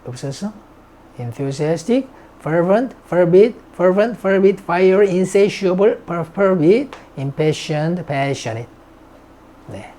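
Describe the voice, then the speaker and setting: A man with a high, animated voice and a dark tone draws out his words while teaching English vocabulary. He reads each word aloud, repeats it, and then glosses it in Korean, like a recorded vocabulary lesson.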